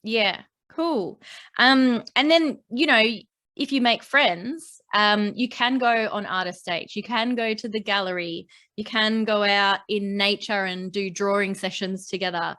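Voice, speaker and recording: A woman's voice: mid-range voice, a little slow, sharp tone. A woman co-hosting a podcast, talking casually in a rambling, upbeat way with lots of fillers. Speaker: podcast co-host. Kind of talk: casual chat.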